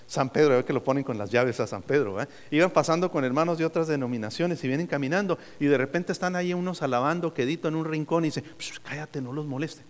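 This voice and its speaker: An American pastor delivers a sermon in a church sanctuary, his fairly high voice moving quickly with few pauses. He calls on the congregation for answers and slips in joking asides, and the recording carries a long hall reverb.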